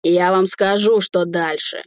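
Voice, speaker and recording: A woman's voice: mid-range voice, steady tone, moderate pace, a little mellow, no room sound, lightly acted. A woman reading the part of a drunk, defiant male hotel owner in an audiobook, with a dry close sound. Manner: blunt, defiant.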